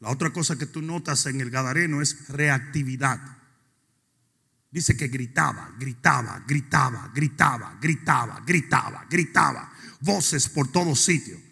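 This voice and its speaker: A male pastor preaching a sermon. He swings from quiet asides to shouted, sing-song preaching. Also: mid-range voice, lively intonation, a little slow, vocal fry, breathy edge. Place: church sanctuary. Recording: long reverb of a church hall.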